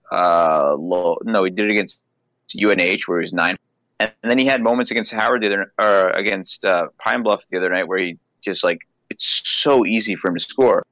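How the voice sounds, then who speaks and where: A man's voice: lowish voice, a bit bright, no echo, poor audio. A man talking basketball on a podcast in a loose, rambling, profane way. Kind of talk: casual podcast chat.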